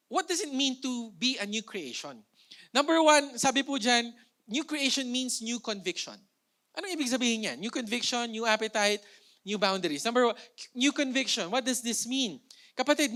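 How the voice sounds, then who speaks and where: Bright-voiced Filipino preacher, playful. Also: male voice, extremely high pitch. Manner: playful, joking, asks the congregation rhetorical questions. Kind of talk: conversational Taglish sermon.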